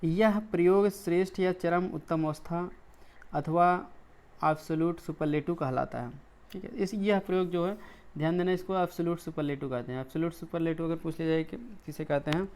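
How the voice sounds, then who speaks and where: An Indian man teaching an English grammar lesson, walking through each rule and its examples. His voice is smooth and clear and sits a little higher than most men's. He keeps pausing to check that his students are following. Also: a little mellow. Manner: explains step by step, often checking in with "ठीक है".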